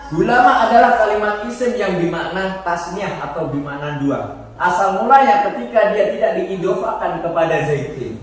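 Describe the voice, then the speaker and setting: A man giving a casual grammar lesson, explaining slowly, repeating terms and restarting words. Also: sits high, animated. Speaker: teacher of Arabic grammar. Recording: echoey room, voice far from the mic.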